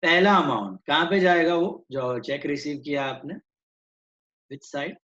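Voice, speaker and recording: A man's voice: fairly high pitch, measured pace, a bit bright, lo-fi sound. A man teaching an online accounts class, switching between Hindi and English and quizzing his students.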